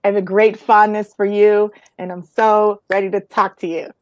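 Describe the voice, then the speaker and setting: A woman's voice: mid-range voice, level tone, moderate pace, darkish tone, no room sound, studio quality. A woman hosting an interview show, introducing her guest and chatting with theatrical enthusiasm. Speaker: podcast host.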